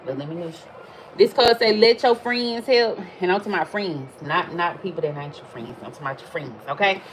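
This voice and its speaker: A woman, chatting casually while reading tarot cards, animated and swearing freely. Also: fairly low pitch, normal speed, slight background noise, poor audio. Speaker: tarot reader. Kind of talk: casual livestream chat.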